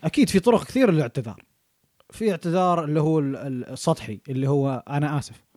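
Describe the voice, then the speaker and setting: Man, podcast co-host, quick and slightly high voice, dry close sound, keeps checking you follow. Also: expressive, a little mellow, no echo. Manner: explains points with frequent checks for understanding. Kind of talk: casual chat.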